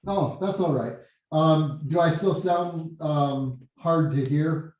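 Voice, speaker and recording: A man's voice: on the high side, darkish tone. Man with a hollow, cave-like echo. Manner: casual, halting, repeats words. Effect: hollow cave-like echo, as if speaking in a hole. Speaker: meeting host. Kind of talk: casual meeting chat. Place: meeting room with windows and blinds. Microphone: computer mic set back from the speaker. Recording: very echoey room, far from the mic.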